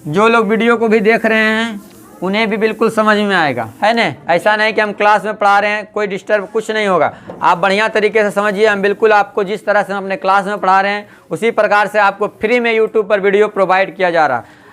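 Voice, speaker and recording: Using Hindi, a man runs call-and-response drills in an English grammar class, his voice high, steady, fairly bright, and smooth at a fairly quick pace. Behind him are crowd chatter, students chanting answers, and other classroom noise.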